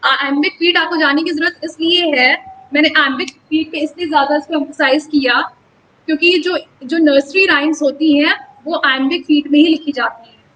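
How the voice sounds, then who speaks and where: A woman's voice: high-pitched, fairly even intonation, moderate pace, fairly bright tone, slight background noise, poor audio. A woman teaching in a classroom lecture style, explaining step by step and mixing English terms into her talk.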